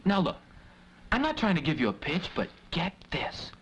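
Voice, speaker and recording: An actor playing an excitable man dreaming of getting rich, pitching his scheme with great excitement. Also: moderate pace, a little hiss or hum, low-quality recording. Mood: excited.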